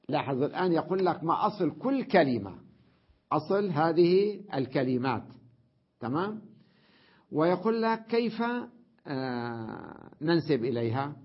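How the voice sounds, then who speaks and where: Husky-voiced man teaching grammar. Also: on the high side. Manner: drills words aloud, often checks understanding with a question. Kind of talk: classroom grammar lesson. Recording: dull lo-fi lecture recording.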